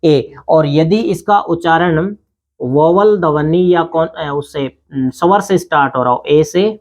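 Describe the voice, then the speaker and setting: A man's voice: fairly high pitch, slow, darkish tone. Male teacher checking "thik hai na?". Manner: explains step by step, asks and answers own questions. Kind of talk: grammar lesson.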